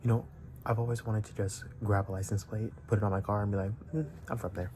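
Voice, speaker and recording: Fast-talking and level in tone, with a fairly low pitch, a young man vlogs casually from inside stores on a handheld phone. He chews gum and throws playful jokes to viewers amid background noise.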